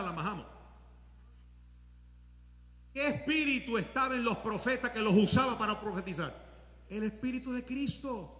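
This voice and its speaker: A man pastor preaching a sermon in a conversational way, at times rising to shouts. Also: sits high, reverberant, long reverb tail.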